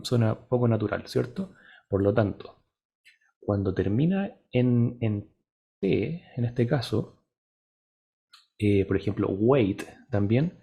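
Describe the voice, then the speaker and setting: Male teacher, low gravelly husky voice, patient and deliberate, lesson delivery. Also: mellow. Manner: patient, checks in with "¿cierto?" and "¿ya?"; slow, deliberate modeling of English words. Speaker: English teacher. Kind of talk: classroom lesson explanation.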